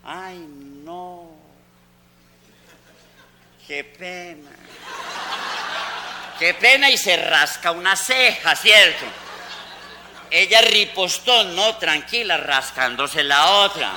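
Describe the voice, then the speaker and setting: A man's voice: sits high, expressive, drawn-out words, long pauses, pushed and bright, a little hiss or hum, exaggerated voice. A man playing a gossipy old Antioquian woman who tells a comic tale, chatty and wry, with an Antioquian accent. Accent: Antioquian Colombian. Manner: chatty, wry, lots of mock-quoted dialogue. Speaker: comic storyteller. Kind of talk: comic stage monologue. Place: school fair stage.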